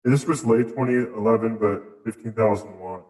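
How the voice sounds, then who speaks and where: A man being interviewed as a mining operator, speaking through a voice scrambler in a hesitant, halting way with many restarts. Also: on the low side, a little mellow, roomy sound, low-quality recording. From Southeast United States. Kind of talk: casual interview.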